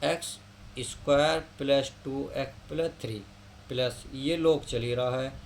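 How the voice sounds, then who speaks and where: A man's voice: mid-range voice, steady tone, unhurried. A male math teacher who explains each step and keeps asking his students questions. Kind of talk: classroom lesson. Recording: faint background noise.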